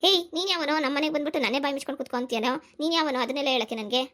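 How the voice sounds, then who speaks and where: A woman voicing a hurt, defiant schoolgirl in a cartoon, with a high, whiny, tearful voice. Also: racing, a bit bright. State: crying. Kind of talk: cartoon voice acting.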